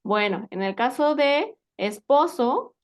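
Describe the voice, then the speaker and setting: A woman's voice: high voice, animated, slow pace. A woman teaching an English lesson, patiently checking her students understand with frequent questions. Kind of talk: spoken language lesson.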